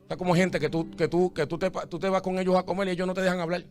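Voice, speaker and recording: A man preaching a sermon as pastor, swinging from hushed talk to shouts and calling his listeners "amado". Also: high-pitched, flat delivery, rapid-fire, soft background music. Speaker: bishop, pastor.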